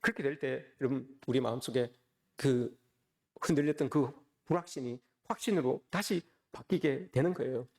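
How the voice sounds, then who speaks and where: A man's voice: medium pitch, moderate pace, a little mellow. A man preaching a Sunday sermon as a pastor, often calling out to the congregation with rhetorical questions. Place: church service.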